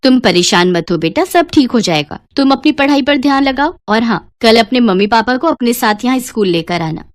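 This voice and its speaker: Woman doing a kind cartoon teacher lady, lively up-and-down voice, dry close sound. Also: on the high side, a little fast, hardly any pauses, dry recording, natural voice. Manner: encouraging, warm to pupils. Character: kind female school biology teacher. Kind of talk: cartoon voice acting.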